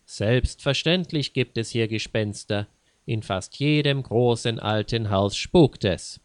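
A man's voice: medium pitch, takes it slowly, smooth, no echo, lightly acted. A man voicing a self-important, easily offended male ghost hunter who speaks grandly. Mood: indignant. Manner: grandiose, indignant.

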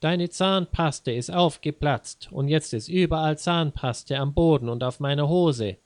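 A man's voice: on the high side, a little slow, dry recording, natural voice. A man voicing a clumsy middle-aged husband who grumbles and rants. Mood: defensive. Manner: grumbling, ranting.

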